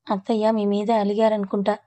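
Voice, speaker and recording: A woman's voice: mid-range voice, completely flat delivery, a little fast, warm tone, lightly acted. A woman reading as a young wife. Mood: amused. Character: young wife, quiet then fiery.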